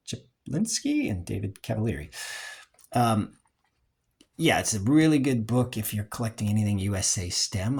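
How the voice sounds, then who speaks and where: A collector with a husky, creaky voice gives an unscripted show-and-tell review, rambling and hesitant, frequently trailing off and clearing the throat. The pitch is medium and the tone a little mellow.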